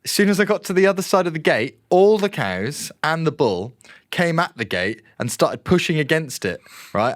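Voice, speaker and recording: English man co-hosting a podcast, sweary animated storyteller, very lively pitch, dry close sound. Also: dry recording. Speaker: podcast co-host. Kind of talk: casual podcast chat.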